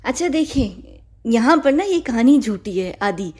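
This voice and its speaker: A woman's voice: on the high side, expressive, measured pace, a little mellow. A woman, giving casual, mocking commentary on a clip and lecturing her viewers.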